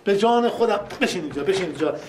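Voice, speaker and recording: A man's voice: sits high, expressive, a little hiss or hum. A meddling, blustering father-in-law. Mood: coaxing. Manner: insistent, scolding, repeats himself. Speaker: Kamran Khan, bossy father-in-law. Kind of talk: TV comedy-drama acting.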